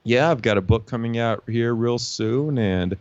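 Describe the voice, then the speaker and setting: A man's voice: medium pitch, measured pace, darkish tone, no echo. Confident young man, dry dull sound. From Lithuania. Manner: confident, fluent, frequent "you know". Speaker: guest, LinkedIn marketing consultant. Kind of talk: casual interview storytelling.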